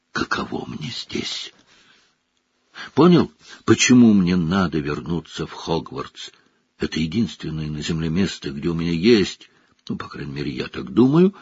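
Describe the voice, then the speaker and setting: An earnest, upset young wizard boy, as a male narrator reads him, speaking urgently in a slightly lowered, husky voice. The recording is dull and very dry. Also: sing-song, measured pace, a little mellow, no echo, exaggerated voice. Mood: downcast.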